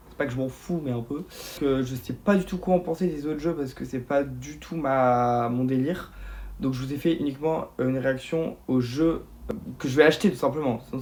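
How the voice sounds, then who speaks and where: A young man reacting live to a game showcase, talking straight to his viewers and breaking into excited outbursts. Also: medium pitch. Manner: excitable, bursts into shouts of delight; talks straight to viewers as "les gars".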